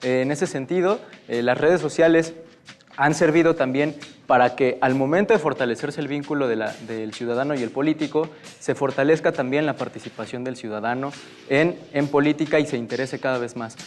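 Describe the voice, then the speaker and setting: A young man arguing his side in a televised student debate, hesitating often with fillers and restarts. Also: medium pitch. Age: young adult. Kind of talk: debate argument.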